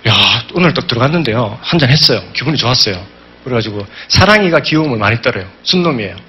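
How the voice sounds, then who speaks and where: Animated, bright-voiced man. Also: medium pitch, fast talker, husky. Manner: emphatic, animated storytelling with acted-out quotes. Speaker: business seminar speaker. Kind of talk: motivational seminar speech.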